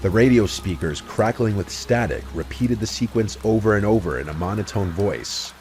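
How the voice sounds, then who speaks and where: A man narrating a horror story in a measured, brooding scripted delivery. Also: on the low side, expressive, darkish tone, a little hiss or hum.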